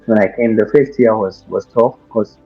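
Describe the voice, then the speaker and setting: A man's voice: on the low side, steady tone, normal speed, dull audio, soft background music. A man in his twenties from Ghana with a Ghanaian accent, a guest telling his story with many fillers and restarts. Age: 20s. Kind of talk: casual interview.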